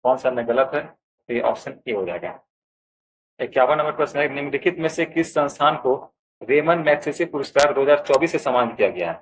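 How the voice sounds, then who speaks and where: A man's voice: a little high, fast talker, rough recording. Male Hindi tutor walking through exam answers. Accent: Bihari Hindi. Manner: addresses viewers as friends, steady explanatory pace. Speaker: exam coaching teacher. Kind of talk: answer key walkthrough lesson.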